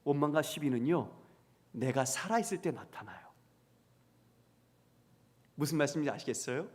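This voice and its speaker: A man's voice: a little high, expressive, normal speed. A man preaching as a pastor who asks the congregation questions and acts out the voices he quotes. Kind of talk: sermon. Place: church sanctuary. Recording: long church hall reverb.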